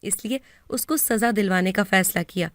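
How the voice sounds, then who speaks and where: A woman's voice: medium pitch, no echo, clean studio sound. Earnest woman telling a story. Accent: Pakistani Urdu. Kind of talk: first-person story narration.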